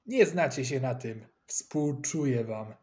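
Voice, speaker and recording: A man's voice: medium pitch, lively intonation, takes it slowly, darkish tone. A man voicing a boastful schoolboy who is proud of his judo, talking in a cocky, dismissive way. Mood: smug.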